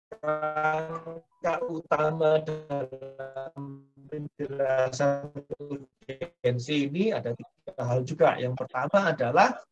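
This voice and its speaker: Male lecturer, slow and deliberate, a touch high, on a dull lo-fi call line that keeps breaking up. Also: steady tone, over music. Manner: slow, repeats points, tags phrases with "ya". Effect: choppy, cutting-out call audio. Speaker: professor giving an online lecture. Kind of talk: lecture over a video call. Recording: dull lo-fi video call audio.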